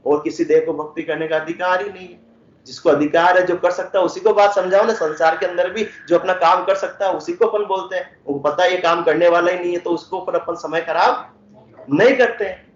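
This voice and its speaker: A man giving a devotional satsang discourse, asking rhetorical questions and slowly singing verse couplets. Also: high-pitched, steady tone. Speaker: satsang speaker. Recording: roomy, dull lo-fi sound.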